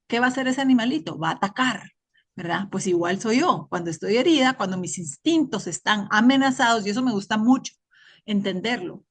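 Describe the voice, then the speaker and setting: A middle-aged woman giving a reflective, conversational personal recovery testimony, often checking in with her listeners. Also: medium pitch. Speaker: recovery group member sharing her story.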